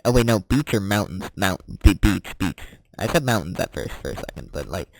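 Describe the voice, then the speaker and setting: A teenage boy chatting casually while playing a game, rambling and correcting himself as he answers quick questions. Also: low voice, very animated, vocal fry, no echo. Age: teens. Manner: rambling, self-correcting, chuckling. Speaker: gaming vlogger.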